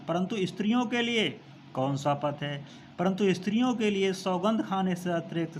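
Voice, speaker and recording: A male teacher with a slightly high voice slowly recites lines of a poem, then explains them, repeating phrases along the way. There's a little hiss or hum in the recording.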